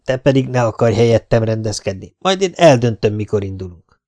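A man's voice: lowish voice, lively intonation, mellow, natural voice. A man voicing an angry, stubborn male team leader in an audiobook, heated and defiant. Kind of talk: audiobook character voice.

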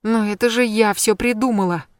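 A woman's voice: a little high, moderate pace, clean tone, dry recording, pitched above the performer's own voice, close to an everyday voice. Woman playing an anxious young woman, grumbly then distraught, audiobook, dry close voice. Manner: grumbling, then upset and tearful. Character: grumpy, anxious young woman, the heroine's friend.

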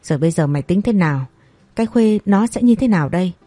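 A woman voicing a blunt, excitable older sister who scolds and exclaims. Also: lowish voice, brisk, breathy edge, dry recording. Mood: scolding.

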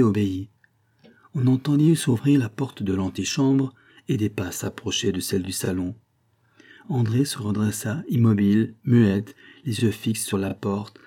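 A man reading a classic novel aloud as an audiobook narrator, in a measured, dramatic way. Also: fairly low pitch, warm tone, slightly rough. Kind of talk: scripted narration.

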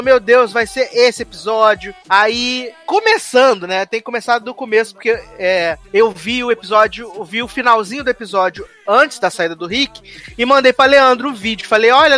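A Brazilian man co-hosting a podcast, giving an animated, mocking recap of a TV episode in casual chat. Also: very high voice. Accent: Brazilian Portuguese. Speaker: podcast co-host.

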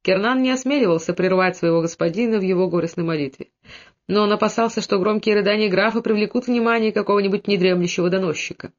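Male narrator with a high-pitched voice, steady storytelling delivery, slightly muffled recording. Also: fast. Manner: steady storytelling, lowers voice for characters' quoted lines. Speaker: audiobook narrator. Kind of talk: scripted narration.

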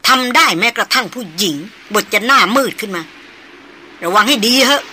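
A woman reading an audiobook voices a spirited, sharp-tongued young woman who scolds and teases her companions. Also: on the high side. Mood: scolding. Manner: scolding, quick retorts.

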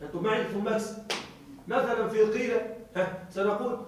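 A man teaching a grammar class, explaining slowly, repeating key words and checking that students follow. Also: high-pitched, fairly even intonation, slight background noise. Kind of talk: classroom lecture. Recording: very echoey room, voice far from mic.

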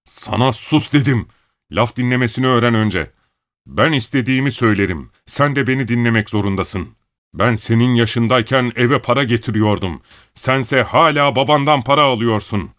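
Guy doing a furious shouting dad, bitter ranting, dry close sound. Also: medium pitch, no echo, pitched above the performer's own voice, close to an everyday voice. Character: furious tyrannical father, middle-aged man, shouting.

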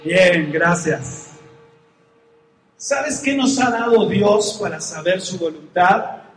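A man's voice: high voice, animated, a little slow, faint music behind. A man preaching a sermon as pastor, speaking emphatically, repeating key phrases and putting questions straight to the listener. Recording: echoey hall with faint noise.

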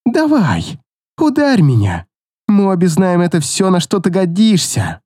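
A spiteful middle-aged mother spits scorn and climbs into shrill, accusing cries, as a male narrator puts her on. Her pitch leaps around wildly, the tone mellow underneath, recorded close and dry. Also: very animated, measured pace, slightly rough, no echo, heavily acted. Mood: scornful. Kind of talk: audiobook character voice.

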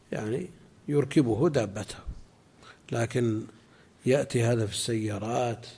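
A male religious scholar lectures his students on a legal text. His voice is husky and sits at an ordinary middle pitch. He explains step by step and stops now and then to answer questions. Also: dark tone. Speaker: Islamic scholar teaching a class.

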